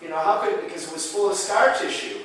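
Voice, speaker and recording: A man with a somewhat high voice lectures at a conference, swapping between anecdote and acted-out dialogue. He sounds distant from the microphone, and a very reverberant hall carries his words. A faint hiss sits underneath. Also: fast, fairly bright tone. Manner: anecdotal, acts out dialogue in storytelling. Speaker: chiropractic lecturer. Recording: echoey hall, distant mic, faint noise.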